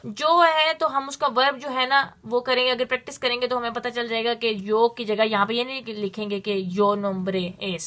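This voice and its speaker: A woman teaching a Spanish lesson, explaining step by step and drawing out her Spanish examples slowly. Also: on the high side, steady tone, fairly bright tone. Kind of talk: spoken language lesson.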